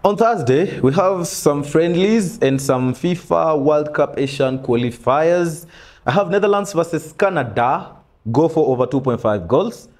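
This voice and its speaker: A young man hosting a sports betting-tips show in a small studio, running through picks in a relaxed, casual way. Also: on the high side, measured pace. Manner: relaxed, lists picks with frequent "mm" backchannels. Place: small studio in front of a brick wall backdrop.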